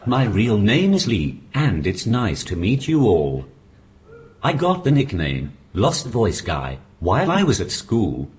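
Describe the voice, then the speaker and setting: A man doing a stand-up routine through a text-to-speech communication aid, with flat, deadpan delivery on a live stage. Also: lowish voice. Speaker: stand-up comedian. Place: comedy stage before a live audience. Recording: noisy live venue recording.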